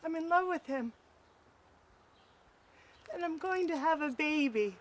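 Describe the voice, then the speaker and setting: A woman's voice: high-pitched, expressive, unhurried, a little hiss or hum. An actress playing a determined young pregnant woman who speaks firmly and resolutely. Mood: defiant. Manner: firm, resolute.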